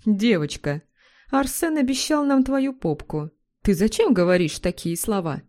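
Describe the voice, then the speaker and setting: Woman reading a wheedling charmer of a man, coaxing tone, lively pitch; storybook audio. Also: a little slow. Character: smooth-talking persuasive man.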